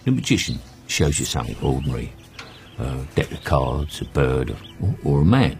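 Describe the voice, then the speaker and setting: An ominous film narrator. His voice is extremely low and gravelly. He speaks slowly and darkly. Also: sing-song, darkish tone, exaggerated voice.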